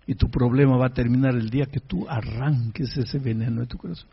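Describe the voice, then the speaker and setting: A man preaching and quoting a contrite young man, once bitter and angry, in a soft, low, pleading voice. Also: a little fast, vocal fry, slightly rough, dull audio. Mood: remorseful.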